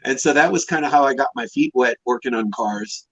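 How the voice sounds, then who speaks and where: As a podcast guest, a fiftysomething man from Hawaii who restores classic cars casually rambles through personal stories. He talks fairly quickly in a mid-range voice that is a bit bright. The audio has no echo and comes over a dull, dry, lo-fi connection.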